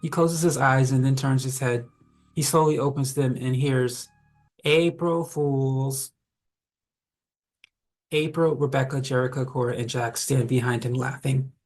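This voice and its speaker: Brief: husky male narrator, steady mid-pitched audiobook read. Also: normal speed.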